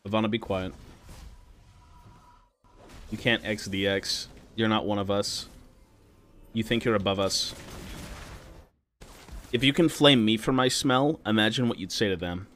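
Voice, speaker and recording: Profane, low-voiced man streaming a game. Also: unhurried, pauses often, a bit bright, slight background noise. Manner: profane, trash-talking; joking, self-amused. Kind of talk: casual gaming commentary.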